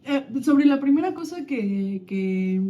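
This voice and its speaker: Woman, co-host, fairly high voice, dark mellow tone, thoughtful and halting, dull lo-fi recording. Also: animated. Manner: reflective, thinks aloud with many restarts. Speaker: co-host reading children's quotes. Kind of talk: casual chat. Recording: dull lo-fi sound.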